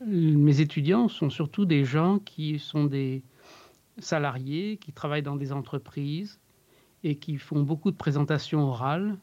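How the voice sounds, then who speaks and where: A man working as an accent coach, explaining in an interview in a measured way with frequent hesitations. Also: on the high side, mellow, lo-fi sound.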